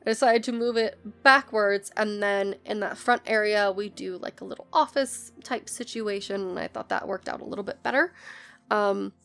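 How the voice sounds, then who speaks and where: A woman with bronchitis narrating a building game, hoarse and coughing, rambling with many ums. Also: mid-range voice, moderate pace. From United States. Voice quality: gravelly voice. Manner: rambling, lots of ums, self-correcting. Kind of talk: casual chatty voice-over. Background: soft background music.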